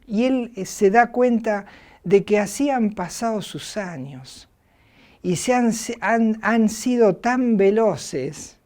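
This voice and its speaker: Slow, mellow-voiced Argentine woman preaching. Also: medium pitch. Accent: Argentine Spanish. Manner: slow, reflective preaching with acted quotes. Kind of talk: sermon.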